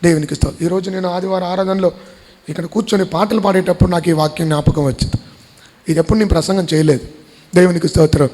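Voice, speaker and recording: A man's voice: high voice, fairly even intonation, fast, mellow, in a large hall. A man preaching a Sunday sermon in church, firing rhetorical questions at the congregation and repeating his phrases. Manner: quizzes the congregation. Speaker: pastor.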